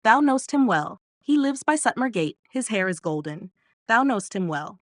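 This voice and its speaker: A woman's voice: a little high, very animated, normal speed, no echo, studio quality. A woman voicing a young maiden who sings a prayer for a husband and snaps back sharply. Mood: pleading sing-song. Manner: sing-song, then scolding.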